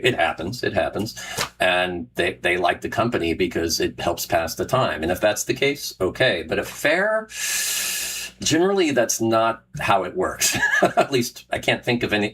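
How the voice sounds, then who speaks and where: A deep, slightly bright and somewhat rough voice belongs to a middle-aged man who hosts a laid-back talk show and performs at Renaissance fairs. Chatting solo with live listeners, he rambles, starts over a lot, and laughs at himself.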